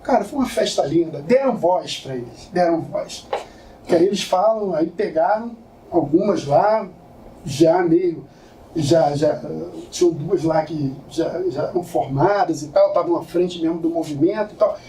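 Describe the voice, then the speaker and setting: A man's voice: fairly high pitch, a little slow, mellow, slight background noise. A man giving an informal lecture as a photographer, telling stories in a casual, slangy way to an audience in a lecture room. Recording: echoey room from far off.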